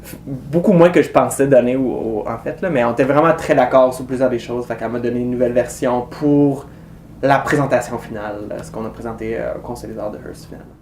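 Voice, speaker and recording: A man's voice: medium pitch, fast talker, slight background noise. Laid-back Franco-Ontarian man director. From southwestern Ontario. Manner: relaxed, conversational, frequent fillers. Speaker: stage director. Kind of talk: interview talk. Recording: roomy, distant mic.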